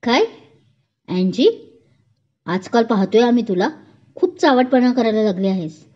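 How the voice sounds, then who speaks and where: A woman's voice: a little high, unhurried. A woman reading a storybook romance, voicing a young man who is tender and scolds in jest. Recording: dull lo-fi recording.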